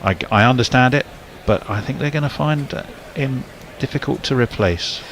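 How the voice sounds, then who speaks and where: A man's voice: medium pitch, moderate pace, a bit bright, slight background noise. A man doing casual ball-by-ball cricket commentary, rambling with fillers and restarts.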